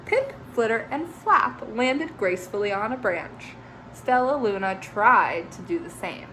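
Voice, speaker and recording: A woman teacher reading a children's picture book aloud, expressive, with chatty asides to young listeners. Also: fairly high pitch, unhurried, slight background noise, low-quality recording.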